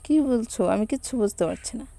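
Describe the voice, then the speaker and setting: A woman's voice: fairly high pitch, expressive, a little fast, creaky, mellow. Playful, teasing young woman , voiced by the female narrator. Light touch, no big character voice.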